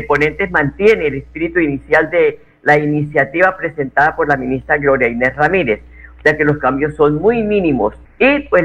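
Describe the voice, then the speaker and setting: A man's voice: a little high, fairly bright tone, muffled recording. An older man hosting a radio show, giving opinionated news commentary with frequent hesitations. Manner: opinionated, halting with many fillers. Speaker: radio host.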